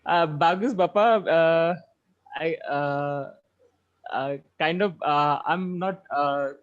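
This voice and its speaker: A man's voice: on the high side, extremely slow, clear, resonant tone, lo-fi sound. Hesitant foreign man with a Bangladeshi accent. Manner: hesitant, searching for words. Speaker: student of Indonesian. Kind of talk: foreigner speaking halting Indonesian mixed with English.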